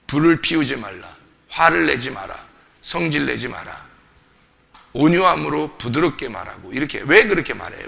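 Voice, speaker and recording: A man's voice: on the high side, creaky, pushed and bright. A man preaching a sermon as pastor, emphatic, repeating short phrases and asking the congregation questions, recorded in a church. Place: church sanctuary.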